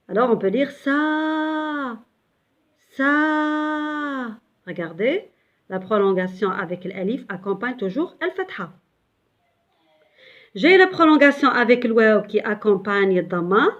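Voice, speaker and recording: A woman's voice: medium pitch, lo-fi sound. A woman teaching beginners step by step, patiently repeating syllables with some hesitant fillers. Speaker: Arabic teacher. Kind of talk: slow step-by-step lesson for beginners.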